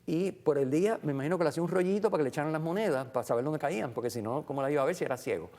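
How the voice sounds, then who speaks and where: A man reflecting on the Sunday gospel in a relaxed conversational way, with many fillers and acted-out quotes. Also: fairly high pitch, very fast. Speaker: guest commentator on the Sunday gospel. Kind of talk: casual Bible reflection.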